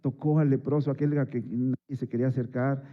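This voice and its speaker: A man's voice: medium pitch, steady tone, a little fast, highs cut off. A man preaching a Sunday sermon in a chatty way, with many fillers and rhetorical asides to the congregation. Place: church service.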